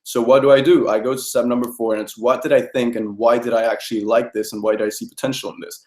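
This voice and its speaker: Young male trainer, rapid persuasive delivery, leans on "okay?", roomy sound. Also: mid-range voice, flat delivery, darkish tone. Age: young adult. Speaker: network marketing trainer. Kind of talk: training talk to a group. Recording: roomy echo.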